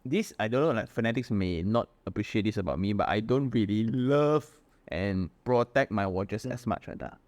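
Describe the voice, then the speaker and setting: A man's voice: fairly low pitch, moderate pace, a little mellow, no echo. A man with a Malaysian accent chatting casually as a guest, in colloquial Singlish-style English peppered with particles like lah and leh. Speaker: interview guest, YouTuber and watch collector. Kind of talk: casual chat.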